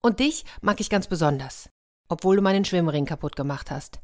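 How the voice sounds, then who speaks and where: A woman's voice: fairly low pitch, animated, fairly quick, natural voice. Young boy, eager and friendly, storybook voice, a woman reading it. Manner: eager, bright storybook child voice.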